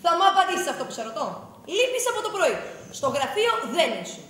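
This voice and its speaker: An actress playing an indignant, jealous wife in a stage comedy, talking in a sharp, scolding way. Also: female voice, extremely high pitch, sing-song, exaggerated voice. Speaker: actor in an amateur stage comedy. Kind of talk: theatrical stage acting. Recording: very echoey stage, mic far off.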